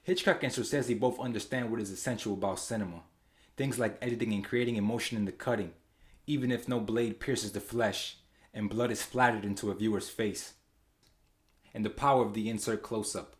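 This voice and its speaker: A man giving a scripted film-essay narration, with an emphatic, dramatic delivery, over a noisy recording. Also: fairly low pitch. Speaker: video essayist.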